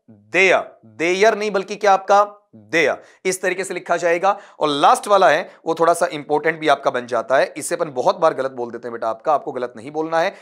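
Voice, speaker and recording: A man's voice: on the high side, a bit bright. A male English teacher giving an online exam-prep phonetics lecture, patiently drilling sounds one at a time and addressing students as "beta". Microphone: recording from a desk for an uploaded class video.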